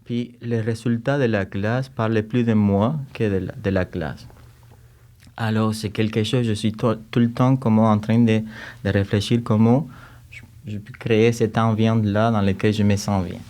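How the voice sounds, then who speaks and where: A man's voice: on the low side, steady tone, normal speed, darkish tone. A man from Cuba with a Cuban Spanish accent, speaking French as a second language in a studio interview, thoughtful and often restarting his phrases. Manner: thoughtful, searching for words with frequent restarts. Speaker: guest composer and choir director. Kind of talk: casual interview conversation. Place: recording studio.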